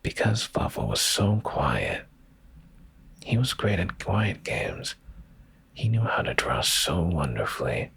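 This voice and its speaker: A man whispers a bedtime story ASMR-style, close to the microphone, in a low, breathy, gravelly voice. He speaks in a hushed, deliberate way with pauses, and his pitch swings widely.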